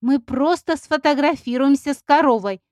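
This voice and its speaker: A woman's voice: medium pitch, a little slow, no echo, clean studio sound, natural voice. A woman voicing a spoiled, bossy rich young woman who drawls haughtily. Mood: excited shriek.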